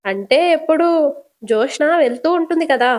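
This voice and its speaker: A woman's voice: high voice, animated, normal speed, voice pushed up. A woman voicing a middle-aged aunt making excuses and placating. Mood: evasive. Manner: evasive, placating.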